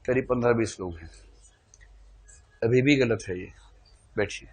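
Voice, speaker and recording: A man's voice: medium pitch, moderate pace, darkish tone. A man teaching a classroom lecture, quizzing his students, calling for shows of hands and teasing them playfully.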